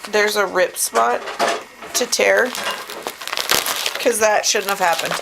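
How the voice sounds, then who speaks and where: A woman's voice: mid-range voice, slow pace, gravelly. A woman chatting casually with family while opening packages. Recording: noisy room with clicks and rustling.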